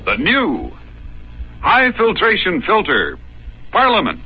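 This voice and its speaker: A man's voice: sits high, huge pitch swings. Old radio show announcer guy, stretches every word, muffled lo-fi sound with faint music under it. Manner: drawn-out, emphatic announcer delivery. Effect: old radio show broadcast sound. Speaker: sponsor announcer. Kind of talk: 1950s broadcast announcing. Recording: dull lo-fi old broadcast with music.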